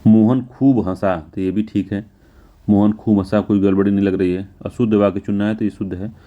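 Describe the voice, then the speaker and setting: A man teaching a spelling lesson for an exam, going through test answers, repeating words slowly and correcting himself often. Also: on the low side, fairly even intonation, narrow, tinny audio. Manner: repetitive, self-correcting, often says "ठीक है"; slows and stretches words to spell them out.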